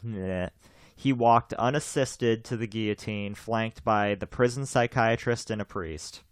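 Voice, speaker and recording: A man's voice: lowish voice, measured pace, smooth, no echo, clean studio sound. A man in his twenties hosting a podcast in casual chat, rambling, repeating himself and laughing often. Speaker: podcast host.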